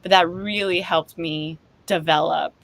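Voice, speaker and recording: A woman's voice: lowish voice, gravelly. A woman, chatting as a comedian guest in an interview, bursting with enthusiasm. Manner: excitable, quick bursts of enthusiasm. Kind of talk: casual interview chat.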